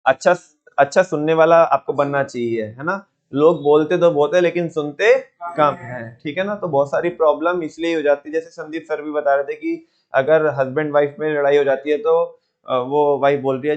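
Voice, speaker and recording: Chatty male teacher, slightly high voice. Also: moderate pace, highs cut off. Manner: conversational, with frequent rhetorical check-ins. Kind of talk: classroom lecture.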